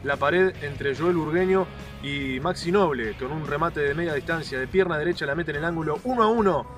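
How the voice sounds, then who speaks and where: A man's voice: a little high, a little fast. A man with a Uruguayan accent giving football analysis and recap as a broadcast commentator. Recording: music behind broadcast.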